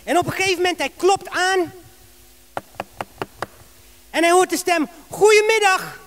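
Preacher guy in church, really high voice, tells the story with lots of "or not?". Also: moderate pace, a little hiss or hum. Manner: animated storytelling with rhetorical questions. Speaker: pastor. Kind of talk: sermon.

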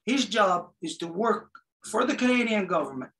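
A man's voice: high-pitched, lively intonation, normal speed, a bit bright, recorded from a distance, slight background noise, rough recording. A man from Kahnawake hosting a livestreamed talk, accusatory and rambling with many fillers. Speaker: host of a community talk show.

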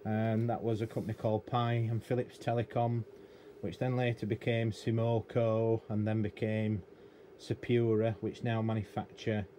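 A warm, lowish male voice speaks flatly at a moderate pace with few pauses. The speaker, a middle-aged British radio technician and hobbyist presenter, rambles through an unscripted, matter-of-fact hands-on explanation at a cluttered indoor electronics workbench, with noticeable room noise behind him.

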